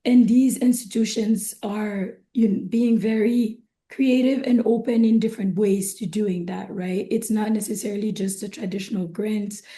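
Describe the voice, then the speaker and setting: A woman speaking as a panelist on an online discussion, her voice hoarse and not its usual sound, talking in a measured way and often checking in with "right?". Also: medium pitch, fairly even intonation, dark tone. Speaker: panelist from an investment firm. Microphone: video call.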